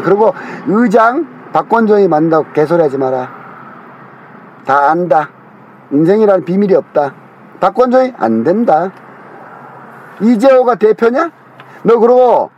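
A middle-aged man in a heated phone call with his younger brother, rambling, accusing and scolding him. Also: sits high.

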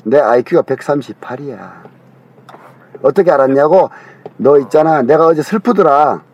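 A man's voice: fairly high pitch, lively intonation, normal speed, darkish tone, husky. A middle-aged man in a heated phone call with his younger brother, rambling, accusing and scolding him.

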